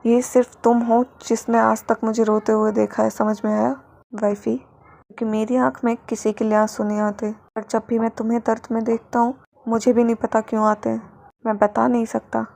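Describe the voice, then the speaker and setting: A woman's voice: fairly high pitch, level tone, normal speed, creaky, a little mellow. A woman voicing an emotional, possessive male singer who pleads with his spouse. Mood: tender. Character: possessive male singer-soldier husband, tender and clingy.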